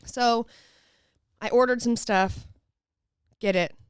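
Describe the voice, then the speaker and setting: A woman's voice: on the high side, fairly even intonation, slow, clean tone, dry recording, studio quality. A woman podcast co-host telling personal stories in casual, informal chat, with a slight lisp from wearing retainers.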